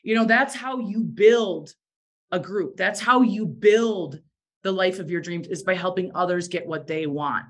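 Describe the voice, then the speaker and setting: A woman's voice: on the low side, measured pace, husky. A woman giving a motivational talk to a sales team, emphatic and repeating phrases for effect, with a bit of morning voice. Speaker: direct sales team leader.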